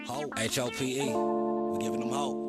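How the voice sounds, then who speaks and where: A man's voice: medium pitch, steady tone, moderate pace. A man giving a laid-back spoken intro in street slang over a beat. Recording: loud hip hop music behind.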